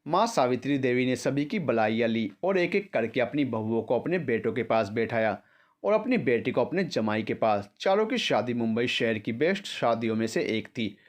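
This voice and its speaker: Male storyteller, mid-pitched, measured dramatic narration. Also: sing-song.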